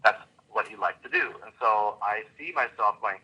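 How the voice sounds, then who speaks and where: A man coaching over a call, bright and sharp in tone, with an animated, enthusiastic delivery. He paints vivid pictures as he explains things. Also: fairly low pitch, moderate pace, breathy edge, dull audio. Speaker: host and coach.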